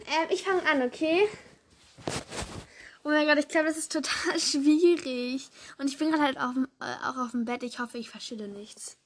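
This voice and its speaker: High-voiced young woman chatting. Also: normal speed, a little hiss or hum. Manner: chatty, laughs at own slips. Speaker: vlogger. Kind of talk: reading a story aloud, then casual chat. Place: indoors, sitting on a bed.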